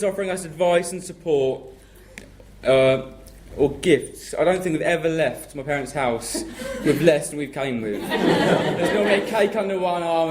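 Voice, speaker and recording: Young Englishman giving a wedding speech. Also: a little high. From southern England. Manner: joking, then heartfelt thanks. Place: wedding reception hall. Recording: loud crowd and noise at a reception. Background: laughing guests.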